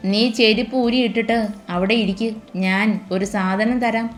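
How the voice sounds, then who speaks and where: A woman's voice: a little high, steady tone, moderate pace, close to an everyday voice. Woman voicing a fond, chiding mother. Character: middle-aged mother, fond and teasing.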